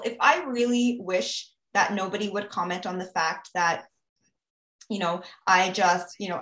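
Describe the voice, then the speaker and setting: Woman, podcast guest, earnest advice-giving tone, mid pitch, recorded in an echoey room. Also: fairly bright tone. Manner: earnest, advising, frequent "you know" and "right?". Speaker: guest speaker on mental health. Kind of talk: casual podcast conversation.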